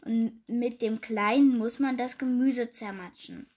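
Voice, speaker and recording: Woman doing earnest little princess, musing aloud, fairly high voice. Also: steady tone, unhurried, darkish tone.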